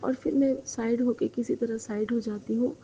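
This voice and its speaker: A woman's voice: a little high, steady tone, moderate pace, warm tone. A woman earnestly retelling a dream to her congregation as a devotional testimony, speaking to her listeners directly. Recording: dull lo-fi recording with faint noise.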